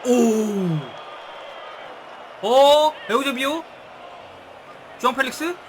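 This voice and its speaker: A man giving excited live commentary on a football video game, with shouted bursts at big plays and casual slang. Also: very high-pitched, very slow. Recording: stream with game music and crowd noise.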